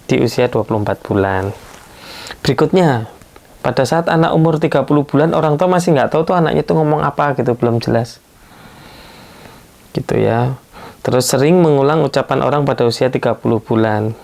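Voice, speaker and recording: A man with a gravelly, fry-edged voice at an ordinary middle pitch. He speaks as a pediatrician giving an educational health talk. He explains patiently, one numbered point after another. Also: a little mellow.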